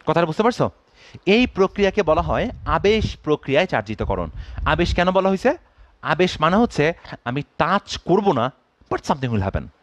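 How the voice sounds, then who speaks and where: A male physics teacher, his voice fairly high and swinging up and down as he explains. He keeps asking his students whether they follow. The sound is dry and close. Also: big pitch swings, normal speed, dry recording. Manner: asks students constant check-in questions; mixes English phrases into explanations. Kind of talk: classroom lecture.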